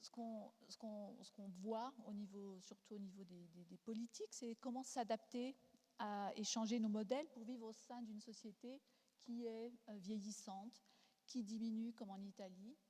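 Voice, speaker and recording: Female panellist with a foreign accent in French, soft-edged warm voice, halting unscripted delivery, echoing hall. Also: fairly high pitch, steady tone. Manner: hesitant, searching for words with repeated restarts. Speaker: panel speaker, demography expert. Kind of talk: unscripted panel debate contribution. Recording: reverberant hall sound.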